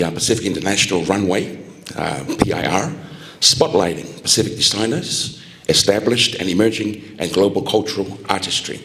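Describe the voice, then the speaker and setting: A man working as an event MC, reading formal introductions haltingly, with hesitations and restarts. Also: low-pitched, a bit bright, slight background noise. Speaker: event MC introducing pageant judges. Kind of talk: formal scripted announcing.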